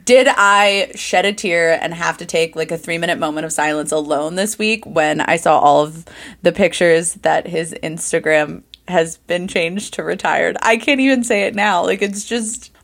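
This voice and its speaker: A woman's voice: lowish voice, normal speed, creaky, fairly bright tone. Giggly young woman co-hosting a chat. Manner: chatty, giggly, playfully exaggerated. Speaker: podcast co-host. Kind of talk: casual chat.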